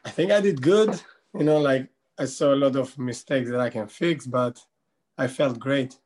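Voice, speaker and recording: A young man from Albania with a thick Albanian accent, a podcast guest who answers in short, halting phrases, as English is not his first language. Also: medium pitch, darkish tone. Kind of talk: casual interview chat.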